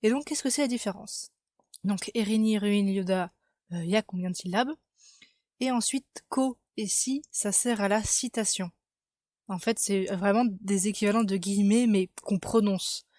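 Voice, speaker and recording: A woman's voice: mid-range voice, moderate pace, a little mellow, no room sound, studio quality. A woman casually explaining the words and spelling of her invented language, chatty and full of fillers as she thinks aloud. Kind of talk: casual explanatory video lesson.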